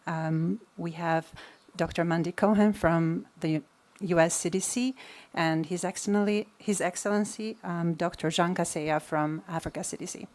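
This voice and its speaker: A host introducing a panel, hesitant with fillers and self-corrections. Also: male voice, a little high, steady tone, moderate pace. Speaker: event host.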